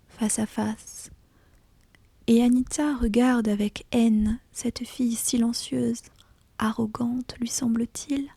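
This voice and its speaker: A woman reading literary fiction as an ASMR audiobook in a hushed, breathy, deliberate whisper, close to the mic. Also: a little high, no echo. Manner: slow, hushed, deliberate storytelling. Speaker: audiobook reader.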